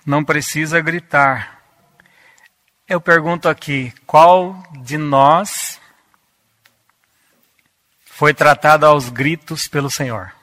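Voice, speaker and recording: Slow, bright-voiced preacher man. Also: fairly high pitch, fairly even intonation. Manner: deliberate, repeats key words for emphasis. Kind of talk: sermon Bible teaching.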